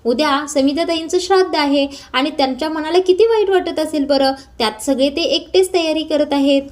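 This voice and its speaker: A woman voicing a gentle young wife who speaks softly and earnestly about her worries. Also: sits high, a little fast, close to an everyday voice.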